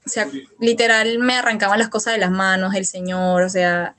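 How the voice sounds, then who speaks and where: A woman's voice: medium pitch, little pitch movement, normal speed, a bit bright. Latin American woman recounting work struggles. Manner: hesitant, many restarts and fillers, quotes her own past words. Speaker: interview guest. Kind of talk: casual storytelling interview. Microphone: studio microphone.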